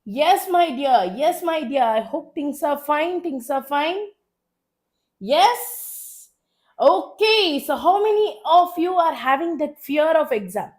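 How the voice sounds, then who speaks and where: Hoarse from a cold, a chemistry teacher with a South Indian accent and a high-pitched voice runs a live online revision class, pushing her students on. She is animated and speaks slowly, often repeating short phrases for emphasis.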